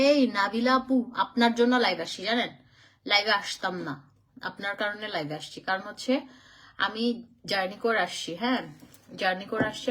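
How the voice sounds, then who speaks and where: A woman's voice: medium pitch, fairly bright tone. A woman from Chittagong chatting casually on a live stream, tired from travel, answering viewer comments and dropping English phrases in. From Chittagong, Bangladesh.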